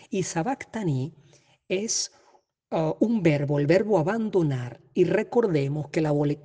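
A Bible teacher giving an explanatory lesson at a measured pace, often hesitating and correcting themselves. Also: medium pitch, dark tone, slightly rough. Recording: long reverb.

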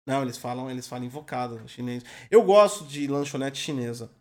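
A man's voice: medium pitch, lively intonation, a little fast, darkish tone. A man with a São Paulo accent co-hosting a casual livestream chat, laid-back, slangy and joking. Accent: São Paulo Portuguese. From Brazil. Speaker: livestream co-host.

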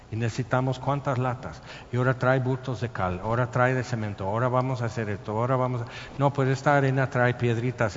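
A man preaching a sermon, telling the story lively and acting out scenes and sounds. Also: medium pitch. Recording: muffled sound in a reverberant hall with faint noise.

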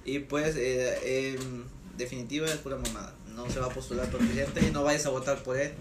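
Young man, mid-pitched, casual slangy co-host chat, roomy echo, faint noise. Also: fairly even intonation, a little fast. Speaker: podcast co-host.

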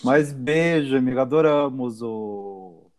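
A woman co-hosts a podcast in casual chat. She reacts with slow, drawn-out exclamations. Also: extremely low pitch, a loud crowd. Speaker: podcast co-host.

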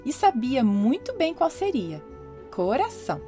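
A woman hosting a children's podcast, narrating a story in a lively storytelling voice. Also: sits high, measured pace, soft background music.

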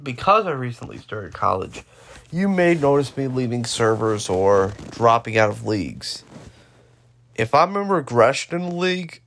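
A young man in his twenties talks through his own podcast alone, drifting from one offhand joke to the next. His voice has a gravelly, fried edge. His pitch rises and falls a lot as he rambles. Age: 20s. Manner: rambling, offhand, jokey asides. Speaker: podcast host. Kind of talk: solo podcast monologue.

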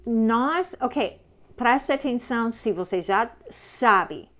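Speaking slowly in a slightly high, a bit bright voice with lively intonation, a woman instructs parents firmly and simply. Her phrasing is simple and slightly broken, and she often checks in with listeners, all on a slightly dull lo-fi recording.

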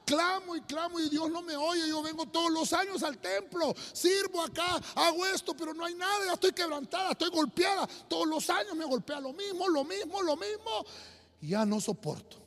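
A man's voice: high-pitched, big pitch swings, normal speed, long pauses, warm tone, husky, pitched below the performer's own voice, exaggerated voice. A man playing a grieving childless woman who pleads at the altar and repeats her complaints in a raised voice. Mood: anguished. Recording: long hall reverb.

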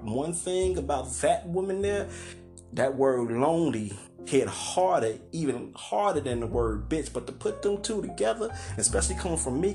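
A middle-aged man, hosting a podcast and telling a story in a loose, profane, animated way, acting out quotes and laughing. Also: on the high side. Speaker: podcast host. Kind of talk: casual storytelling monologue.

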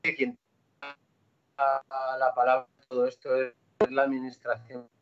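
A man joins a talk show over a video call whose connection keeps cutting out. His voice sits at an ordinary middle pitch and comes through dull and muffled. He talks in a measured, conciliatory way. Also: monotone, dry recording. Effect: choppy, breaking-up video call connection. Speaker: guest angler on a fishing talk show. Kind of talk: casual panel chat.

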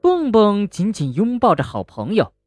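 A woman narrating a children's bedtime story gently and expressively, speaking to a young listener. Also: medium pitch, huge pitch swings, normal speed, no room sound.

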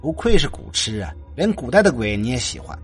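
A man voicing a brash young man who talks in a loud, blunt, teasing way. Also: mid-range voice, sing-song, a little fast, breathy edge, soft background music.

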